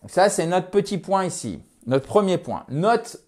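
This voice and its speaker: Energetic French man teaching English pronunciation. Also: high voice. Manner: energetic, emphatic, drawn-out English demo phrases. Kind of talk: lively pronunciation lesson.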